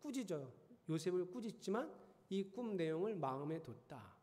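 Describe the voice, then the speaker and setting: A middle-aged man preaching in a church sanctuary, relaxed and conversational, often teasing his listeners with questions. His voice sits somewhat high for a man. Long reverb from the hall follows him. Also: moderate pace. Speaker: pastor. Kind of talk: sermon.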